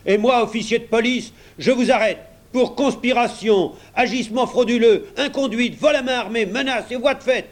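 A man's voice: extremely high pitch, moderate pace, hardly any pauses, pitched above the performer's own voice. A man voicing a hot-tempered police officer who bellows and thunders his accusations in a storybook reading. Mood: furious.

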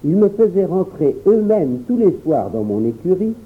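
A man giving an expressive first-person storybook narration as an audiobook reader. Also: sits high, moderate pace. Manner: expressive, lively reading. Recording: tinny phone-like sound.

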